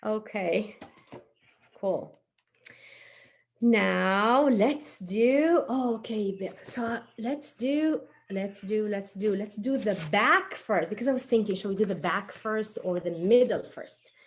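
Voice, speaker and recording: Slow-paced and mid-range, a woman's voice guides a craft for young children. She chats casually and offers encouragement, thinking out loud about each step as she works with her hands, over faint background noise and occasional small clicks.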